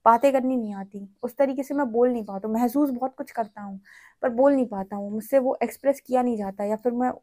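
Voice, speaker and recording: A woman giving a spiritual tarot reading to camera, explaining gently and often checking in with "theek hai". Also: a little high, fast. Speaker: tarot reader.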